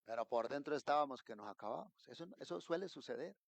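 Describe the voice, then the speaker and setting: A man with a Colombian accent preaching a sermon as pastor, telling a story that swings from hushed asides to loud, emphatic calls to the congregation. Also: medium pitch, expressive, fast talker, gravelly, no echo. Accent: Colombian Spanish. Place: church.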